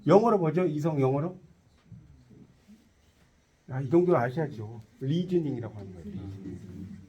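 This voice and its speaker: A man's voice: a little high, lively intonation, normal speed, crowd noise. A man teaching a tarot lecture to a class, quizzing his students and cracking jokes as he explains. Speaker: tarot instructor.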